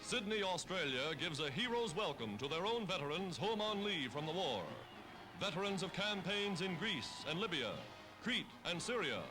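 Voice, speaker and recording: Newsreel narrator, man: punchy wartime delivery, pitched high, music bed under, old newsreel sound. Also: lively intonation, normal speed. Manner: dramatic, punchy announcing. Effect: old newsreel recording with music.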